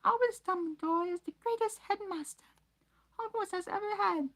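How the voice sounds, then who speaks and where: A woman voicing a small, anxious male house-elf with a very high, squeaky voice who speaks of himself in the third person. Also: moderate pace. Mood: urgent pleading. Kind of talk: amateur audiobook reading.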